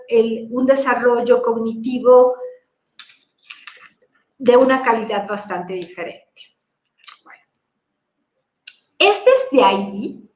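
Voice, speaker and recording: Woman lecturer, high voice, unhurried and deliberate, roomy echo. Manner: slow, deliberate explanation with rhetorical questions. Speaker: lecturer on language teaching for deaf children. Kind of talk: virtual conference lecture. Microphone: video call.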